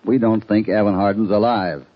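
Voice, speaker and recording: An actor playing the calm, dry-witted cowboy hero Hopalong Cassidy in an old radio drama. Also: male voice, on the low side, normal speed, natural voice. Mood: probing. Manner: easygoing, probing. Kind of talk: 1940s radio acting. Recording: dull lo-fi old radio recording.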